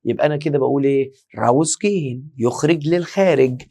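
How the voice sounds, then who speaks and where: Egyptian-accented male teacher, gravelly voice, mid-pitched, methodical explainer who repeats and quizzes. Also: warm tone. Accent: Egyptian Arabic. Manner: explains step by step, repeats words slowly, quizzes students. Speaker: German language teacher. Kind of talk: exam-prep lesson.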